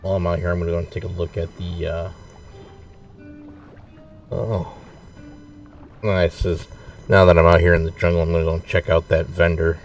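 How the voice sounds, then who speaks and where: Streamer, male, low and gravelly, laid-back rambling commentary, slightly distant mic, faint game music behind. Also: moderate pace, long pauses. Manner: relaxed, rambling, chuckles often. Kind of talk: casual gameplay commentary.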